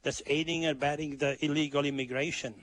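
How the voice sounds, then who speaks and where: A man speaking as a radio guest in an unscripted political discussion, halting, repeating himself and often checking in as he goes. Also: on the high side, steady tone, a bit bright, no echo.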